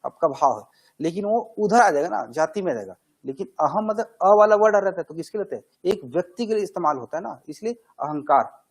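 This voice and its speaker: Male grammar teacher, high husky voice, asks and answers his own questions. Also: lively intonation, brisk, poor audio. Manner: conversational, asks questions and answers them himself. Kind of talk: classroom grammar lesson.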